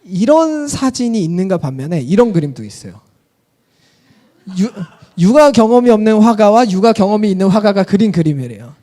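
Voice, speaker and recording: Male pastor, animated sermon with a bouncing delivery, questions the congregation. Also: high voice, a little fast. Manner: lively storytelling, asks the audience questions.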